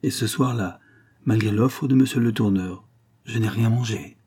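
Male audiobook narrator, low-voiced, husky, measured literary reading. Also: dark tone.

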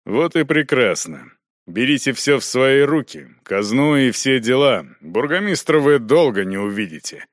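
A man reading an audiobook, voicing a stubborn knight inquisitor who speaks loudly and firmly in measured phrases. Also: mid-range voice, sing-song, no room sound, studio quality, close to an everyday voice. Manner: firm, loud, measured. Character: stern stubborn male knight inquisitor, bold.

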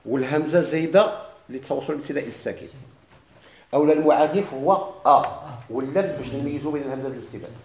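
A man's voice: on the high side, very fast, darkish tone, echoey room, a little hiss or hum. A man with a Moroccan Arabic accent teaching a grammar lesson to a class, posing questions and answering them himself.

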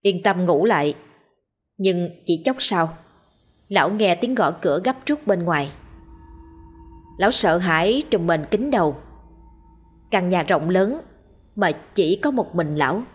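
A woman narrates a ghost story with steady drama. Her voice sits low and sounds breathy, with soft music underneath. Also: measured pace, pauses often.

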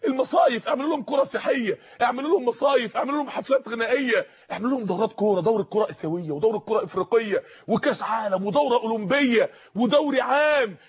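High, rapid Egyptian preacher. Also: male voice, slightly rough, dull audio. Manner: impassioned, hammering repetition. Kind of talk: sermon.

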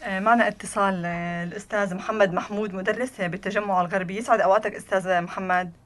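A woman with a Syrian accent hosting a radio interview, pausing hesitantly mid-sentence. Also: medium pitch, fairly even intonation, a bit bright. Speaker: radio host.

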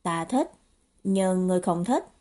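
A woman voicing a cold, reserved young man of few words in an audiobook, speaking in flat, clipped replies. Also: fairly low pitch, unhurried. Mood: cold quiet. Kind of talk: audiobook character voice.

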